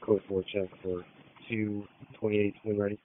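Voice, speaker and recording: A man, a police officer, reading numbers in a flat, clipped way over a police radio transmission. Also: fairly low pitch, moderate pace. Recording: tinny radio band, dry.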